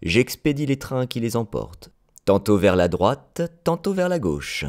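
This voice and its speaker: A man's voice: medium pitch, very animated, a little slow, darkish tone. Weary switchman, matter-of-fact and emphatic, played by a man, storybook reading. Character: brisk weary male railway switchman.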